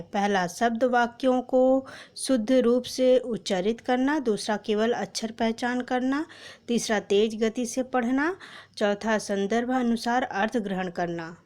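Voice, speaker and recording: Fairly high-voiced woman teacher. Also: darkish tone. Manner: measured, numbering each option, then announcing the answer. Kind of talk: exam prep lesson, reading out quiz questions and answers.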